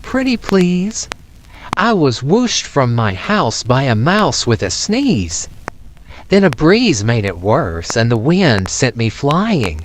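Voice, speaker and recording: A man's voice: medium pitch, big pitch swings, slow, slight background noise. A man voicing a tiny, lost, tearful little creature pleading in a storybook.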